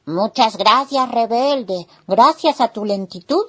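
A woman's voice: on the high side, slow pace, a bit bright, slightly rough, pitched above the performer's own voice, heavily acted. A woman doing a chorus of eager ants. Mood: thankful. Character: a crowd of busy, thankful ants. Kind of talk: children's storybook reading.

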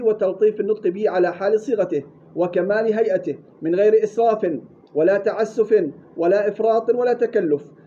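A man teaching Quran recitation rules, demonstrating words slowly and correcting mistakes curtly. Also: high-pitched, warm tone. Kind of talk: tajweed lesson with drills and reading aloud. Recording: dull lo-fi recording with faint hiss.

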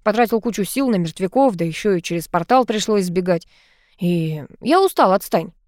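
A woman's voice: mid-range voice, lively intonation, normal speed, darkish tone, no echo, studio quality, lightly acted. A woman voicing a weary young male court mage who speaks tiredly and curtly. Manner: tired, curt.

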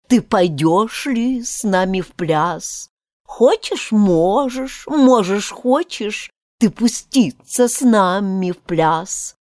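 Woman reader doing the Mock Turtle: a weepy, sentimental storybook sea creature, pitched up high, cries out in a swooping singsong. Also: a little mellow, no echo, studio quality, exaggerated voice. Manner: tearful, exclamatory, singsong.

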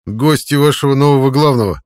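A man's voice: mid-range voice, fairly quick, clear, resonant tone, pitched above the performer's own voice, lightly acted. A man doing a brash, mocking soldier. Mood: taunting. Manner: taunting, loud. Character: brash young male soldier, reckless and mocking. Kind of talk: audiobook character voice.

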